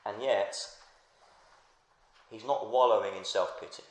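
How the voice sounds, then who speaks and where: A man's voice: fairly low pitch, unhurried. Earnest preacher man in an echoey hall. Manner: earnest preaching that builds in intensity, repeated restarts. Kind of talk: sermon.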